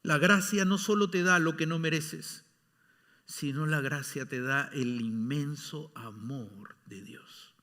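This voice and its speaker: A male pastor preaching a sermon, emphatic, dropping at times into soft whispers. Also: a little high, slow pace, long reverb tail. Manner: emphatic, shifting between loud exclamations and soft whispers. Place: church sanctuary.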